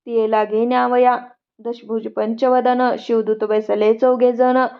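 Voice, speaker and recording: A woman chanting devotional verses one by one in a steady, measured recitation. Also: a little high, muffled recording. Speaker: devotional scripture reader.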